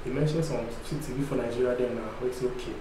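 On a dark studio set, a thirtysomething man with a Ghanaian accent talks fast in a mid-range voice, spinning a casual travel tale in Pidgin-flavored English for a podcast. He animatedly plays the police characters himself. His boom-arm studio mic catches an echoey room and a faint hum.

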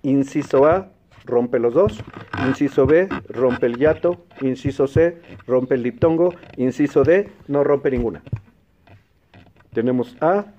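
A man's voice: mid-range voice, mellow, a little hiss or hum. Mexican man hosting a classroom quiz. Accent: Mexican Spanish. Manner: clear, patient, repeats answer options slowly. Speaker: quiz host and teacher. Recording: dull lo-fi broadcast sound.

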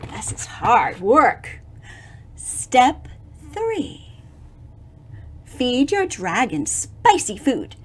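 A middle-aged woman with a high, slightly breathy voice reads a picture book to young children. She's theatrical and expressive, stopping now and then to explain things with dramatic emphasis.

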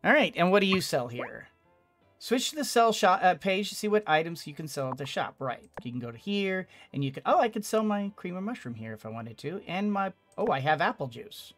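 High, sing-song and brisk, with a fairly bright tone, this middle-aged man plays a game as a streamer and let's player. Seated at a desk indoors, he offers casual, playful, rambling commentary over game music.

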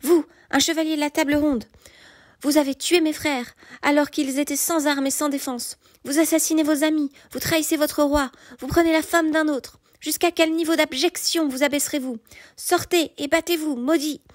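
A hot-headed male knight in full fury, flinging accusations in a high, strained voice, as a woman puts him on in an audiobook. The reading is close and dry, with no room sound at all. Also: fairly even intonation, normal speed, no echo, natural voice. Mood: furious. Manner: shouting accusations in a raised, strained voice.

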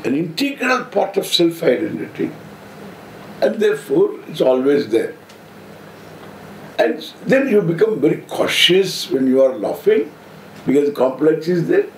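Slow, high-voiced elderly South Indian man. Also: a little mellow. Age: 70s. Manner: deliberate, halting phrases, playful humour. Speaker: spiritual teacher, swami. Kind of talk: informal spiritual discourse. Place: seated on stage before an audience, indoors. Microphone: stand microphone close in front. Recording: roomy echo, audible background noise.

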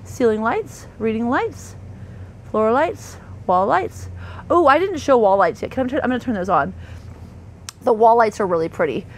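A fairly high-pitched, expressive female voice moves at a moderate pace. She's an RV sales associate giving a thorough walkthrough inside a parked motorhome, chatting with fillers and self-corrections as air conditioning hums faintly.

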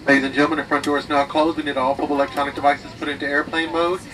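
A man's voice: a little high, flat delivery, rapid-fire, a bit bright. A man working as a flight attendant, making routine cabin announcements. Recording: distant cabin PA, clear aircraft noise.

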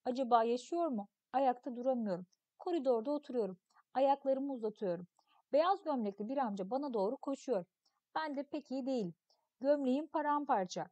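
Female teacher, high voice, expressive story reading, dry close sound. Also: a little fast, no room sound, dull audio. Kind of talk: reading a story aloud in a lesson.

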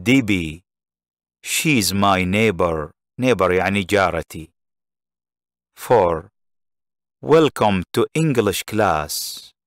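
Slow, low-voiced male English teacher. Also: no echo, studio quality. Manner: reads English lines slowly, then translates them into Arabic. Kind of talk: textbook lesson with Arabic translation.

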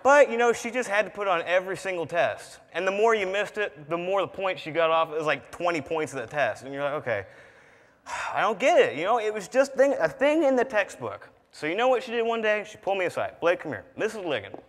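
A young man with a high, light voice preaches to a congregation, animated and building to shouts at his key points. His voice rings out through a large church sanctuary, with a long reverb trailing behind it. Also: fast talker, hardly any pauses. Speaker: student preacher. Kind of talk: sermon.

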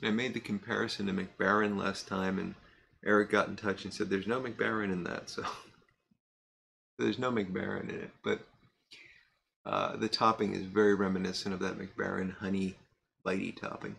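A deep, creaky-voiced middle-aged man vlogs from a cluttered indoor workshop, talking casually to camera. Relaxed and rambling, he fills his speech with fillers and restarts and stops to puff on his pipe.

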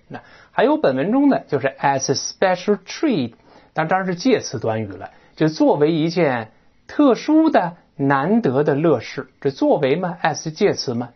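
Male English teacher, husky and animated, heard on a dull lo-fi recording. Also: on the high side. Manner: animated explaining with rhetorical questions and asides. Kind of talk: recorded vocabulary and text lesson.

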